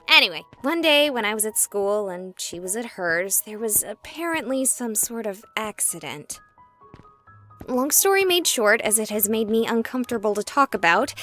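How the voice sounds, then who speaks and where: In a visual novel, a woman voices an excitable, chatty young streamer exploring a haunted place. Her delivery is a little high, expressive and playful.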